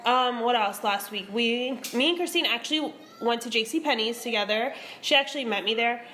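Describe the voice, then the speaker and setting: A woman's voice: fairly high pitch, a little fast, pushed and bright, a little hiss or hum. Chatty young woman co-hosting a podcast. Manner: chatty, rambling, full of fillers. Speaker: podcast co-host. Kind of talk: casual chat.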